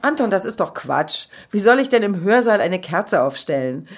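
A young woman playing a mother and university student who gets quickly worked up talking to her son in a children's audio drama. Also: mid-range voice, sing-song, breathy edge. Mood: exasperated. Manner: exasperated, quick to get worked up.

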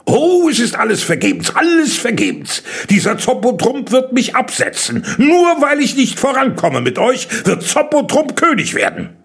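A man's voice: mid-range voice, huge pitch swings, creaky, a bit bright, husky, full character voice. A man voicing a tiny, impatient gnome king from underground who grumbles and scolds. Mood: impatient grumbling. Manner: grumbling, scolding, quick to complain.

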